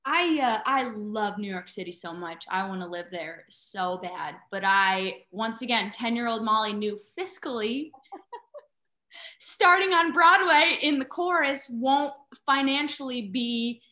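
A woman in her thirties chats casually as a guest, telling stories with lively energy and frequent laughter. Her voice is bright and slightly high. The recording has a noticeable roomy echo. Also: measured pace. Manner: animated storyteller, laughs often. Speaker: actress guest. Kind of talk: casual chat.

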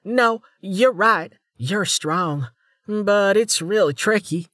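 A man's voice: slow, sharp tone, no room sound, clean studio sound, heavily acted. A man putting on a jittery young policewoman. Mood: urgent. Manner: high, breathless stammering. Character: nervous young woman police officer, truth reader.

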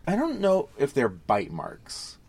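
A man's voice: medium pitch, wildly swooping pitch, takes it slowly, a little mellow, husky. A man co-hosting a podcast in casual chat about a film, explaining things at length with wry asides. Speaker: podcast co-host.

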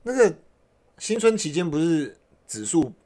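A woman, co-hosting a casual podcast chat and cutting in with quick questions. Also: low-pitched, sing-song, warm tone. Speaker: podcast co-host.

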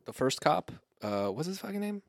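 Male co-host, animated intonation, dry recording, jokey. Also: fairly high pitch, normal speed, creaky, no room sound. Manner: joking, profane. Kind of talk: casual chat.

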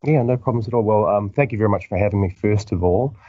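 Middle-aged kiwi bloke w a broad accent, explaining stuff haltingly as a doctor guest, bit muffled audio. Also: male voice, fairly low pitch. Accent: broad New Zealand. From New Zealand. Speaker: medical doctor, podcast guest. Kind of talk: informal explanatory interview answer.

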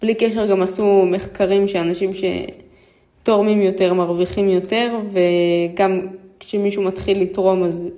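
A woman's voice: medium pitch, steady tone, dark tone. A woman with an Israeli accent, telling personal stories and appealing to listeners in an informal, hesitant way, repeating phrases for emphasis. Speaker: vlogger.

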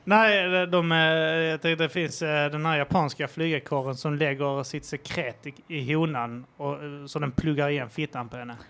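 A man's voice: a little high, steady tone, few pauses, fairly bright tone, clean tone. A man co-hosting a podcast, rambling in crude casual chat with many hesitations. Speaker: podcast co-host.

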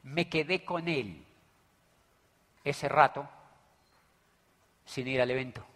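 A man with a Colombian accent giving an animated motivational talk, telling stories and acting out the dialogue. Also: mid-range voice, takes it slowly. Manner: animated, tells stories acting out dialogue, keeps asking "do you understand me". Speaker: business motivational speaker. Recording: echoey hall reverb.

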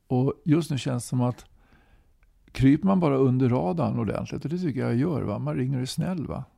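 The dry, studio-quality recording captures a creaky, dark, medium-pitched man in his sixties. A talkative guest, musician and movement leader, he punctuates his casual interview answers with a questioning "va?".

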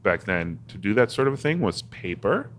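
A man from Massachusetts, USA, appears as an interview guest in a casual conversation, rambling with many restarts and fillers. His voice is fairly low and a bit bright, very animated, at a moderate pace.

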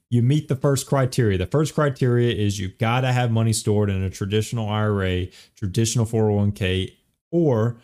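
A man's voice: medium pitch, warm tone. A young man hosting a finance podcast, explaining retirement accounts step by step and checking in with the listener as he goes. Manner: repeats key points, checks in with "okay?" and "right?".

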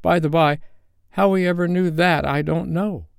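Guy doing a kind earnest old-time storybook father, talky and tender, voice lifted high. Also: steady tone, moderate pace, vocal fry, clean tone, no echo, studio quality. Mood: effusive, grateful. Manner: earnest, effusive. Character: kindly, tender, talkative working-class father in Victorian storybook.

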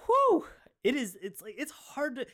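A man's voice: very high voice, wildly swooping pitch, unhurried, a bit bright. A man chatting casually and comedically as a podcast panellist, rambling along and acting out imagined dialogue.

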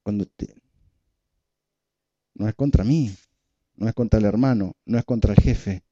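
Male pastor, emphatic repetitive preaching, very dark tone, slightly muffled recording. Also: on the low side, measured pace. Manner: emphatic preaching, repeats phrases, asks the congregation questions. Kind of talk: sermon.

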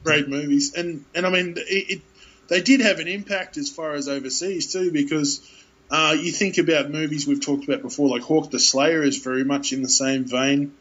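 A man's voice: a little high, fairly even intonation, moderate pace, fairly bright tone, highs cut off. A man chatting casually about films, rambling with many fillers and restarts.

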